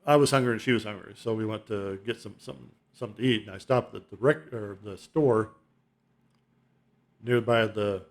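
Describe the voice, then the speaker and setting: A middle-aged man with a fairly low voice and moderate pace hosts his own video ranking albums. He rambles loosely in a casual monologue, with plenty of fillers and chuckles.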